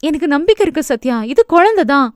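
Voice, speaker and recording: An eager young wife in her late twenties, hopeful and pleading, as a woman reader puts her on. Her voice is high and bright, and the sound is dry and close to the mic. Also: animated, a little fast, no room sound. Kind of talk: audio novel character voice.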